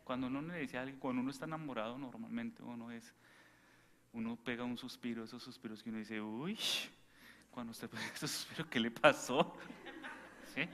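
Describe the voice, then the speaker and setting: A man preaching an informal sermon at a parish retreat, animated and full of rhetorical questions. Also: medium pitch, fairly quick, in a large hall, slight background noise. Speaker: priest giving a retreat talk.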